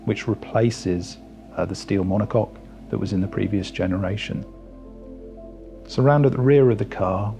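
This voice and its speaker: A man giving a product walkaround as a company presenter, speaking in a measured, explanatory way. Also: medium pitch, a little mellow.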